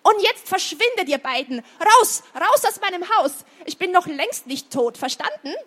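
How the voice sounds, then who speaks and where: A woman reading aloud, voicing a furious very old lady who shouts and scolds. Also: very animated, normal speed, heavily acted. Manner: shrill, shouting, indignant. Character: furious 99-year-old woman, freshly revived.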